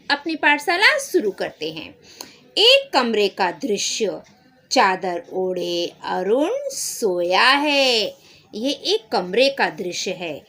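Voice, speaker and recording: A woman teacher with a Marathi-influenced Hindi accent, slowly reading and explaining a school lesson to children, acting out the characters' lines. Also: sharp tone. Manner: slow, explanatory, acts out character lines with rising pitch.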